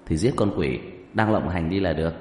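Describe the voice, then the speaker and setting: A man voicing a calm, sly young male exorcist who explains things in an offhand, matter-of-fact way in an audiobook story. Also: low-pitched, brisk, slight background noise. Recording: roomy reverberant recording.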